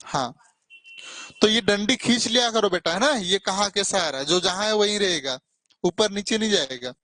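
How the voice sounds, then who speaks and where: A maths tutor works through problems with children in a classroom, coaxing them, mildly scolding them and calling them "beta". His voice is high-pitched and sharp, at normal speed, with no echo.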